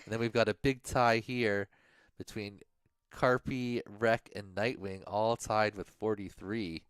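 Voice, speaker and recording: A man's voice: on the low side, steady tone, unhurried, clear, resonant tone, no room sound, clean studio sound. A man co-hosting a livestream, casually going over race standings and thinking aloud, sometimes mumbling to himself. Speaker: livestream co-host.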